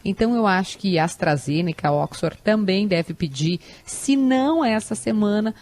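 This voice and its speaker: A woman co-hosting a radio talk show, explaining the news in a loud, hopeful, conversational way. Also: mid-range voice, lively intonation, moderate pace. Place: radio studio.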